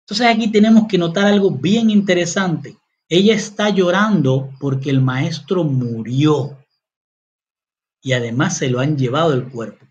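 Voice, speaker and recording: A man giving a Bible study sermon, reading scripture aloud and commenting on it. He repeats key phrases and speaks directly to his listeners. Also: a little high. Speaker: Bible teacher. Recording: dull, lo-fi recording.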